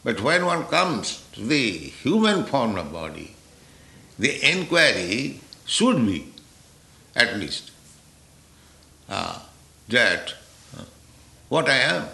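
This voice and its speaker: Slow, gravelly male spiritual lecturer. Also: medium pitch, big pitch swings, pushed and bright, reverberant. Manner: deliberate, with rhetorical "huh?" checks. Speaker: spiritual teacher. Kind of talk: philosophical lecture.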